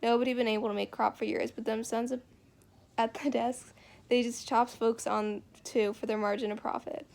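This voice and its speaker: A woman's voice: a little high, little pitch movement, normal speed, creaky, darkish tone. A woman reading the lines of a lonely, bitter middle-aged farmer man who rambles in a drawling rural dialect.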